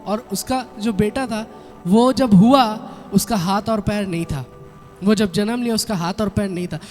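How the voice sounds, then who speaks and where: A man preaching a sermon with a notably high voice, pressing his points and punctuating them with amen and hallelujah. His words ring out in a reverberant hall while faint music plays underneath. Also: a little slow, a little mellow. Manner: mixes Hindi with English words and Bengali sayings. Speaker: pastor.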